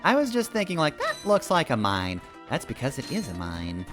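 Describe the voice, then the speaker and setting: Thinking aloud while he games, a man gives rambling, casual live commentary as video game music plays. His slightly high voice swoops wildly in pitch, and he talks at a normal speed.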